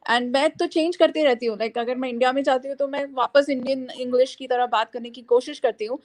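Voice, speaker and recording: A woman's voice: sits high, fairly even intonation, fairly quick, a little mellow. A woman from India with a mixed Indian and American English accent, a guest explaining her views thoughtfully while mixing Hindi and English. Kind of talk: casual discussion, Hindi-English mix.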